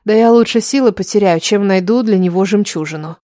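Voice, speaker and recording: Woman narrator for a first-person fantasy audiobook, even storytelling, dry sound. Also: mid-range voice, a little fast, no echo.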